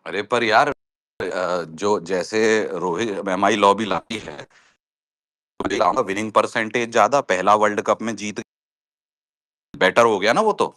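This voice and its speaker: A man argues in a casual online voice chat, his bright voice chopping in and out as the call connection drops. The sound keeps breaking up and sounds distant, like a struggling internet call. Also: lowish voice, slow, pauses often, no echo. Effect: voice breaking up over a bad call connection. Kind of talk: casual heated cricket debate.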